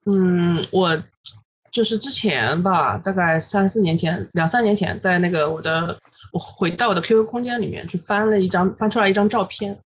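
A woman in her thirties, a guest illustrator on a podcast, recounting her story in an animated way with many fillers and English words dropped in. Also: on the low side, moderate pace, slight background noise. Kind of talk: casual podcast interview.

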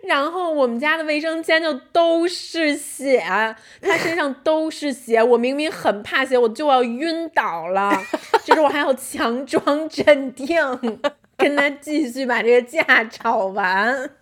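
A woman in her thirties, a podcast co-host, telling a personal story in casual chat, animated and laughing often, with English words mixed in. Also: sits high, unhurried.

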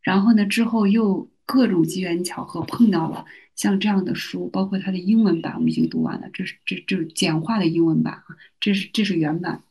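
Husky-voiced woman telling personal stories. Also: lowish voice, a little fast. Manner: reflective, soft-spoken, with many small restarts. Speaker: podcast guest, university teacher. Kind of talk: conversational storytelling.

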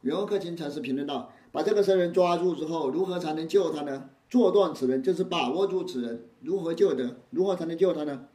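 A man lectures line by line on a classical Zen text. His voice sits a little high but sounds mellow and warm. He recites each old line slowly before explaining it plainly, and the recording carries a roomy echo.

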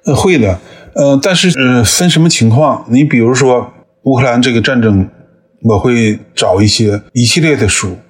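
Husky, unhurried man in his fifties. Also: mid-range voice. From northeast China. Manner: thoughtful, measured, with frequent hesitations. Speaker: guest. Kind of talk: conversational interview.

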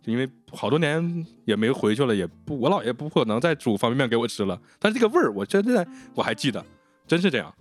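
A man's voice: mid-range voice, sing-song, fast, soft background music. A man from Northeast China talking as a podcast host, telling personal stories in a chatty way and repeating words for emphasis. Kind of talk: casual chat, personal storytelling.

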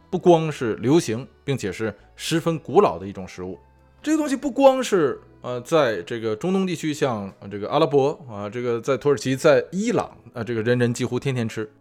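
Guy hosting a food show, very lively up and down voice, chatty with lots of fillers, bit of music under it. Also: mid-range voice. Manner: chatty, many fillers and rhetorical asides. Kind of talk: casual explainer monologue. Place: lives in California.

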